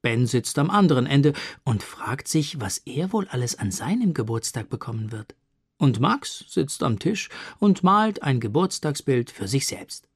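A narrator reading a children's story aloud in a calm, measured way. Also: medium pitch, husky, no room sound, studio quality.

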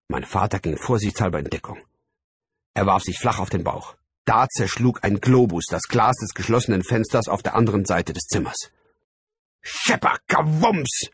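A man's voice: low voice, husky, no room sound. A man narrating a first-person story in a dramatic, tense style, voicing sound words vividly, close to a studio mic. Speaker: audiobook narrator.

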